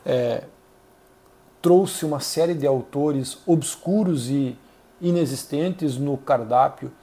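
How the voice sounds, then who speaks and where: A Brazilian man hosting a channel, giving earnest, measured solo commentary with frequent hesitations. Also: on the high side, dark tone. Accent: Brazilian Portuguese. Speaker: channel host reviewing an essay.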